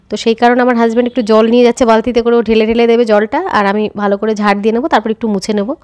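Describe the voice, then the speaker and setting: A woman's voice: a little high, a little mellow. A woman, chatting directly to viewers in a casual daily vlog. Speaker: vlogger.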